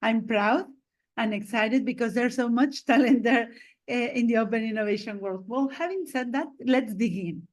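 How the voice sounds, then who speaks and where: A woman's voice: a little high, normal speed. A woman hosting an interview, keen and effusive, with fillers between her questions. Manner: enthusiastic, repeats "this is amazing". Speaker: host. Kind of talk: video-call interview.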